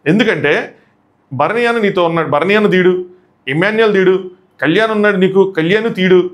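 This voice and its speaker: A man giving live commentary on a reality show, retelling events animatedly and acting out what people said. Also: high-pitched. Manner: rapid animated retelling that acts out quotes.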